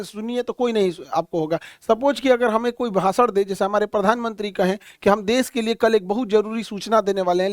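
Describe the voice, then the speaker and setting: In a dry, studio-quality recording, a man with a high voice gives an explainer lecture on current affairs. He indicates things on a map, speaks plainly and fills his talk with fillers.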